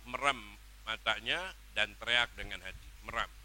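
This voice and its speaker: A man preaching a sermon and leading a congregation in prayer, coaxing listeners and drawing out chanted invocations slowly. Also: on the low side, pushed and bright. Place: religious gathering.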